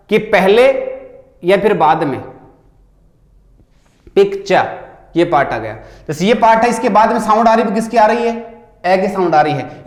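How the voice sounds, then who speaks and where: Guy teaching, high voice, keeps asking and answering his own questions, roomy echo. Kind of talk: exam paper solution lecture.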